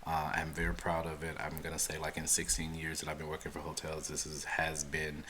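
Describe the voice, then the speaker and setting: A man co-hosting a relaxed podcast, chatty, laughing often and filling gaps with ums. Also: a bass voice, brisk, a little hiss or hum. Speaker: co-host. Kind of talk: casual chat.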